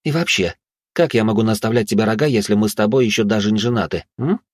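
A man's voice: lowish voice, quick pace, no room sound, studio quality, natural voice. A man voicing a coy fox-spirit girl. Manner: coy, teasing. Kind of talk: audiobook character voice.

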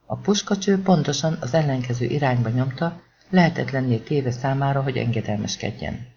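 A man narrating an audiobook in a tense, dramatic way, voicing the shouted lines of the characters himself. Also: medium pitch, gravelly, muffled recording, slight background noise.

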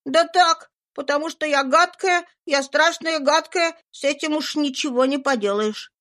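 A woman's voice: high-pitched, measured pace, a bit bright, pitched above the performer's own voice. A woman voicing a sly young servant girl who whines and pleads. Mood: wailing. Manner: whiny, pleading.

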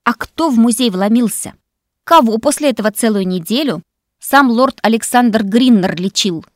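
A woman's voice: on the high side, lively intonation, moderate pace, no echo, clean studio sound, pitched above the performer's own voice, close to an everyday voice. A woman voicing a grumpy, strict female faculty keeper who scolds and scoffs. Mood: scolding. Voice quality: scolding, sharp and sceptical. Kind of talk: audiobook character voice.

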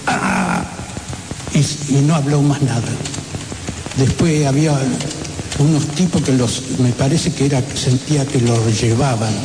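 A man giving emotional first-person testimony, halting and repeating words, acting out shouts and gunshots. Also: mid-range voice. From Argentina. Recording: echoey room with loud noise.

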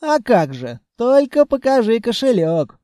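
A man's voice: extremely high pitch, big pitch swings, unhurried, dark tone, dry recording, clean studio sound, pitched above the performer's own voice, heavily acted. A man voicing a wry male companion who explains matters.

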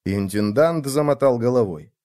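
A man narrating a first-person fantasy story in an expressive, dramatic reading. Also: mid-range voice, normal speed, smooth. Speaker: audiobook narrator.

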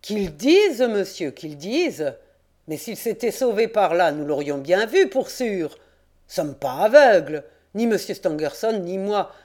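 A woman reading an audiobook, voicing a grumpy rustic old male caretaker in his sixties with gruff, folksy country speech. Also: on the low side, a little mellow.

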